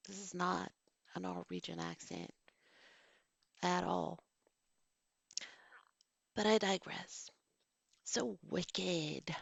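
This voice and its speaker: Very slow and creaky, with long pauses, a lowish female voice comes through with no echo. She's a teacher and vlogger in her forties at home, reading a written movie review in formal sentences and then sliding into casual digressions.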